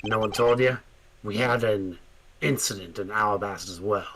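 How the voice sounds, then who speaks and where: A man's voice: lowish voice, moderate pace, background noise, natural voice. A man voicing a cocky, tough male agent with a smug, slangy drawl. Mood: dismissive.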